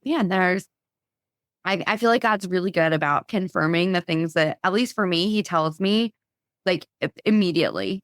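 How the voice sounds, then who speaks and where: A woman guest on a podcast, telling a lively faith story and acting out her own past thoughts in quotes. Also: mid-range voice, no room sound, clean studio sound.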